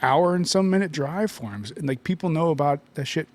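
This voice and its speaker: A man's voice: fairly high pitch, a little fast. A man from Northeastern Ohio hosting a casual podcast chat, rambling with many fillers and laughing often. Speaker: podcast host.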